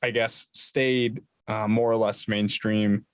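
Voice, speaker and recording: A young man co-hosting a casual podcast chat, talking haltingly with frequent restarts. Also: lowish voice, little pitch movement, slight background noise. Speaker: podcast co-host.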